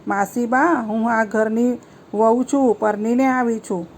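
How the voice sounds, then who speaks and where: A woman voicing a modest young bride who speaks softly and politely, in a told folk story. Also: a little high, fairly even intonation, unhurried, a little hiss or hum. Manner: soft, polite.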